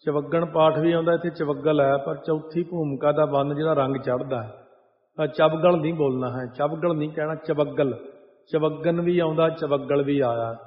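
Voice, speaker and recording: A man giving a Sikh religious discourse. He sings lines of scripture slowly, then explains them in plain talk. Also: on the high side. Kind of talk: sermon, chanting verses then explaining. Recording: echoey hall over a tinny line.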